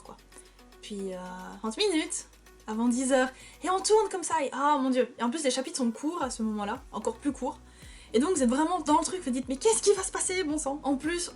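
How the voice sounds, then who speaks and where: A young woman chatting enthusiastically about books she recommends, calling her viewers "guys" as she talks. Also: on the high side. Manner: chatty, enthusiastic, addresses viewers as "les gars". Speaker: book vlogger. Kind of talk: casual book recommendations. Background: soft background music.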